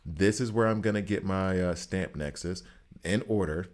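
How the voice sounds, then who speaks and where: This Alabama man, a gaming content creator, speaks in a low voice at a moderate pace with a Southern US accent. His commentary for viewers is relaxed, and he leans on repeated phrases for emphasis.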